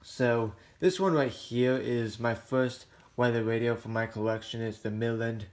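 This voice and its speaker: A man casually reviews gadgets to camera for a hobby video, hesitant, rambling and plain-spoken. His medium-pitched, darkish voice stays fairly even and unhurried.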